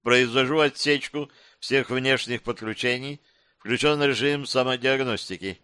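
Guy doing a lady ship computer in processing mode, metallic flat tone, smooth crisp voice. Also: mid-range voice, measured pace, no room sound, studio quality. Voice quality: metallic, toneless, clipped. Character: female ship AI hologram, processing in cold machine mode. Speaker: audiobook narrator. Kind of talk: reading a sci-fi novel aloud.

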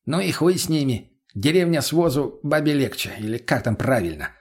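A man's voice: mid-range voice, lively intonation, brisk, slightly rough. Guy doing a sneery junkie dude, mumbly and crude. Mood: smirking. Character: lazy crude male drug addict, smirking.

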